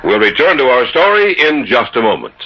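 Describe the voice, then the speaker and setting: An actor as a portentous announcer of an old-time spooky radio anthology. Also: male voice, mid-range voice, very animated, brisk, faint music behind. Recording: dull, lightly noisy old radio recording.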